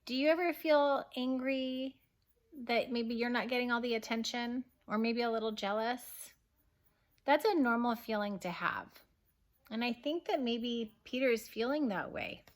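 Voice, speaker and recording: Gently and expressively, a woman whose voice runs on the high side reads a picture book to small children. She teaches kindergarten and pauses to ask her listeners questions.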